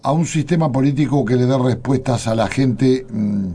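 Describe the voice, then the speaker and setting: A man with a Uruguayan accent, a guest in a radio interview, answering in a measured, deliberate way with many pauses. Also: medium pitch, warm tone, a little hiss or hum. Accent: Uruguayan Spanish.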